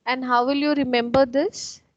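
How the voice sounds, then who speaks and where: A woman's voice: sits high, steady tone, normal speed, no room sound. A woman teaching a math class online, explaining patiently step by step. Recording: dull, dry online-call audio.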